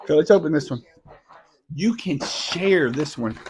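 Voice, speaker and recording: A middle-aged man hosting a casual live video at home, playful and teasing with a child, often dropping to a soft hushed voice. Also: a little high, lively intonation, normal speed, slight background noise.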